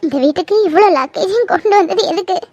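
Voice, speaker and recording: A woman's voice: very high-pitched, fast talker, a little mellow, muffled recording. A woman voicing a heartbroken young woman in a cartoon, wailing and self-pitying. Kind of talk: cartoon voice acting.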